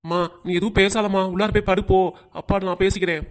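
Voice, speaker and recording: A man's voice: high voice, level tone, fast, faint music behind, natural voice. A man voicing a young college-age son in a cartoon, earnestly pleading with his parents. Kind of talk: cartoon voice acting.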